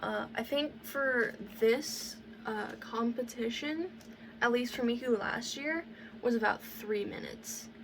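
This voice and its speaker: A woman walks through a cosplay how-to in a casual, rambling vlog voice, sprinkling in likes and ums. Her voice sits slightly high. She sounds a bit distant from the mic, with a faint hiss of background noise. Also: slow. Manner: chatty, rambling, fills with "like" and "um". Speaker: cosplayer showing a build book.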